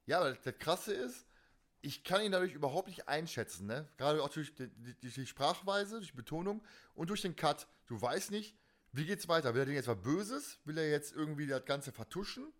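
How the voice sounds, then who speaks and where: A man's voice: on the high side, lively intonation, moderate pace. A man hosting a casual podcast conversation, chatty and ending many phrases with a questioning tag. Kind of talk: casual chat about a radio play.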